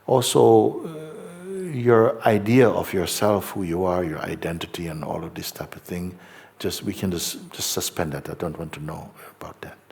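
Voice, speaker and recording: Deep gravelly man guiding a meditation. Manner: slow, gentle, repetitive, hesitant. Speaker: spiritual teacher. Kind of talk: guided meditation talk. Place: meditation hall before a live audience.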